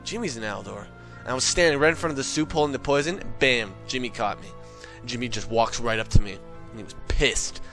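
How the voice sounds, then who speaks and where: A man telling a comedic rant story, excitable, profane and boastful. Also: medium pitch, a little fast, soft background music.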